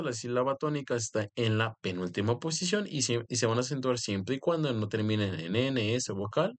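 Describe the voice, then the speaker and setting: Man teaching a grammar lesson. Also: mid-range voice. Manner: explanatory, repeats "en este caso" as a filler.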